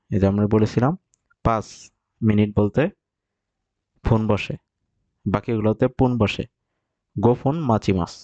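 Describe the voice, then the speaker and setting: A man teaching Japanese vocabulary, explaining step by step and repeating example phrases slowly. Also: fairly low pitch, dark tone, no room sound, dull audio. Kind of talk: recorded vocabulary lesson.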